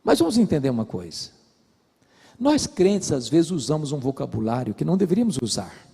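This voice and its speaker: A man's voice: on the high side, big pitch swings, fairly quick, vocal fry, mellow, husky, in a large hall. A man preaching a sermon as pastor, telling stories and acting out the dialogue. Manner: storytelling preacher, acts out dialogue. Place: church.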